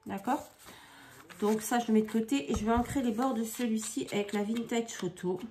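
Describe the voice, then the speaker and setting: A woman's voice: fairly high pitch, fairly even intonation, normal speed, darkish tone, slight background noise. A woman chatting casually as she demonstrates scrapbooking at her craft table at home, improvising and often hesitating. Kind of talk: casual craft tutorial chat.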